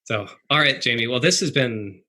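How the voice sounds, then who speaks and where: A soft-spoken man hosting a podcast interview, chatting in a friendly, halting way. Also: medium pitch, expressive. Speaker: podcast host. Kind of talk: casual interview chat.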